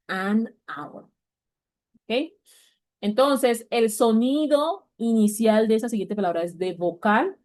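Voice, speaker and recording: A woman's voice: medium pitch, a little mellow. Patient woman teaching English grammar. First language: Spanish. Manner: patient, repeats points, checks in with "vale?". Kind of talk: explaining grammar in class.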